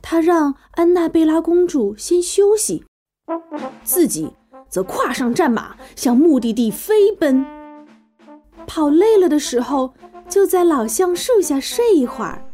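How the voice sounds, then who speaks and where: High, lively woman reading a children's story. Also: a little slow, soft background music. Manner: animated, expressive, playful reading. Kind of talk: children's bedtime story narration.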